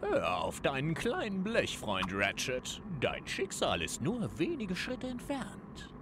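A muscle-bound cartoonish game superhero gone bad, full of smug pomp. He draws his words out slowly in a highish voice that swoops theatrically up and down, gloating as he goes. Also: wildly swooping pitch, noisy background, exaggerated voice. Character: pompous, muscle-bound male superhero turned smug villain. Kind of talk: German video game dub acting.

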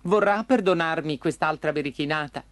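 A man's voice: a little high, normal speed, no echo, natural voice. A man voicing a wooden puppet boy in a children's story, nervous and earnest. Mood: anxious.

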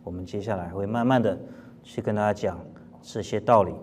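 A man teaching Buddhist scripture in a calm, plain-spoken lecture, asking his listeners rhetorical questions and now and then clearing his throat. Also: fairly low pitch, fairly quick, a little hiss or hum. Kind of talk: dharma lecture.

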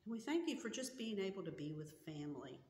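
A woman in her sixties, a pastor speaking slowly and earnestly as she preaches and prays in a small church sanctuary. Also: mid-range voice, sing-song, darkish tone, a little hiss or hum. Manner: slow, earnest and measured, with gestures. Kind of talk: sermon and prayer. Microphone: camera in front at chest height. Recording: echoey church hall with long reverb.

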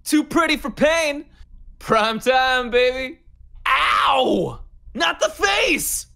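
A man's voice: very high voice, lively intonation, very slow, gravelly, bright, forceful tone, full character voice. A man voicing a cocky, vain young gunslinger in video game voice lines. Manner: cocky, showy.

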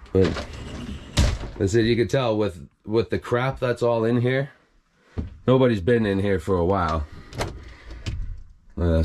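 The host of an abandoned-places exploration channel, a man with a fairly low-pitched voice, talks casually to viewers while walking with an action camera. He moves through a derelict property, past an RV, an overgrown yard and a house, with background noise in the recording.

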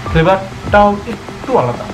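A male food vlogger speaks at a rapid clip through a half-full mouth, chewing as he goes. His voice sits slightly high and he talks straight to the viewers in an upbeat, chatty way. Clear background music runs under his voice. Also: expressive, rough recording. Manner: chatty, enthusiastic, addresses viewers directly. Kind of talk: casual food review vlog.

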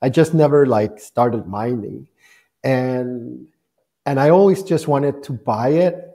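Mellow-voiced Guatemalan-born man telling his story. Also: mid-range voice, slow pace. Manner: relaxed storytelling with frequent fillers. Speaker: founder and CEO, guest. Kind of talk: conversational interview answers. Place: bright office room, indoors. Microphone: earphone mic on a video call.

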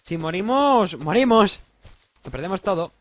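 On a dry recording, a young Spanish-accented gaming YouTuber from Spain talks at a moderate pace in a high voice during casual let's-play commentary. He is excitable and a little congested from a sore throat, joking, swearing, and yelling in bursts.

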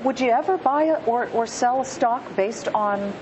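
A woman interviewing a guest with brisk, pointed follow-up questions. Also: on the high side, background noise. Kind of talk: news interview.

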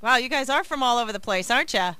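A woman's voice: on the high side, lively intonation, fast, sharp tone, clear, resonant tone, dry recording. A woman hosting a casual radio interview, chatty and upbeat, with plenty of filler words. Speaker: radio host. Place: radio studio.

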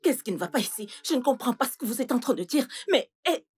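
A woman's voice: fairly high pitch, lively intonation, quick pace, a little mellow, breathy edge. An actress in a French dub playing a distressed mother who pleads with the police for her daughter. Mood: confused. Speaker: mother of the accused.

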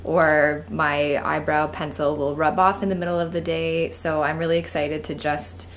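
Chatty low-voiced woman vlogging. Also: a bit bright, slight background noise. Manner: chatty and upbeat. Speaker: beauty vlogger. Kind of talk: casual vlog talk to camera.

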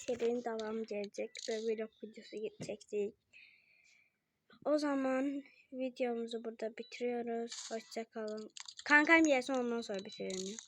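High-voiced excitable female gamer. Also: a little hiss or hum. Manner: animated, playful, bursts of shouting and quiet counting. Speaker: gaming video host. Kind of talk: excitable casual gameplay commentary.

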